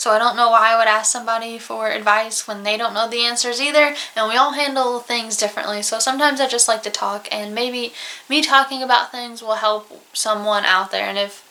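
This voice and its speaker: A woman's voice: on the high side, steady tone, fairly quick, pushed and bright. A young woman with a Southern US accent, talking openly to camera in a personal vlog about a hard year. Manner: open, emotional, close to tears at times. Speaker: vlogger. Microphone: camera mic, alone at home.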